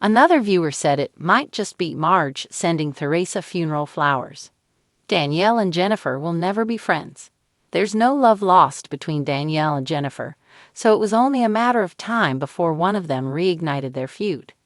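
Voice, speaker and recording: A woman narrating a scripted entertainment news piece in an even read-aloud delivery. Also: fairly low pitch, moderate pace, no room sound, studio quality.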